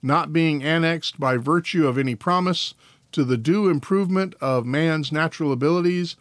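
Reading a devotional and a church confession aloud with care, this male podcast host stumbles over his words now and then. His voice runs fairly high, and there's no echo.

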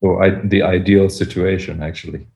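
A man interviewing a guest, asking questions in a halting, casual way and often repeating words while he searches for what to say. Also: low voice, fairly even intonation, vocal fry, darkish tone.

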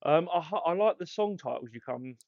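A man's voice: fairly high pitch, expressive, brisk, lo-fi sound. A man co-hosting a podcast in casual chat, laid-back and agreeable, a little out of breath. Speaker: podcast co-host.

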